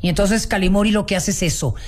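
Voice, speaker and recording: A woman with a Mexico City Spanish accent, the founder of a folk art business, tells her story as a guest in a casual interview. Her mid-range voice moves at a quick pace, warm and passionate, full of restarts and fillers. There's slight background noise.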